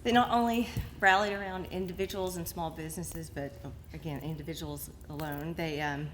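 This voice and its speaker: A woman with a fairly low voice gives a heartfelt thank-you speech, halting and full of ums and little laughs. Faint room noise hums behind her. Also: steady tone. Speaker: speaker thanking the community. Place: event hall at a lunch.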